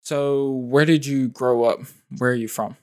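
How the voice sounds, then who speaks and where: A man narrating and asking interview questions in a measured, reflective way. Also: mid-range voice, fairly even intonation.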